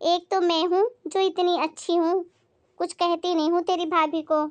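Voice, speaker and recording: A woman's voice: extremely high pitch, little pitch movement, normal speed, no room sound. A woman playing a nagging, scolding mother-in-law. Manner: complaining, sharp-tongued, self-righteous. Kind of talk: comedy skit acting.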